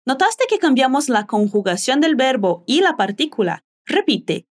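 High, animated woman teaching a lesson. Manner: slow, careful modeling of pronunciation. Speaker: language teacher and host. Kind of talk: language lesson with repetition drills.

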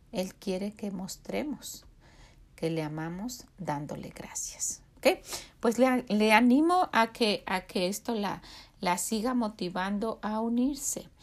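A woman gives an earnest, encouraging devotional talk to other women. Her voice has a gravelly, creaky edge and sits at a middle pitch. She often sinks to a hushed whisper to stress a point. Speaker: women's ministry podcast host.

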